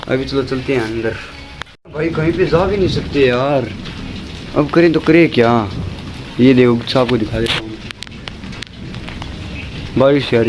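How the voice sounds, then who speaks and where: A man chats away in a casual vlog at a medium, everyday pitch, walking between his home and the lane outside during rain. He keeps pointing things out to his viewers in a loose, chatty way, speaking into a handheld phone camera. A faint outdoor ambience sits behind his voice. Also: a little hiss or hum, poor audio. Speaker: vlogger.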